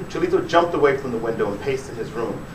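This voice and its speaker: This is the same author, born in Puerto Rico and raised in the Bronx, reading his fiction dramatically at a bookstore event. He speaks quickly in a mid-range voice with lively intonation, captured by a distant mic in a noisy, echoing room.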